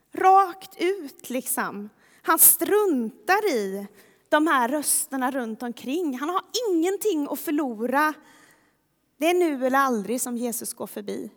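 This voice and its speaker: A woman's voice: high voice, long reverb tail. A woman preacher giving a sermon, retelling a story in a vivid, conversational way.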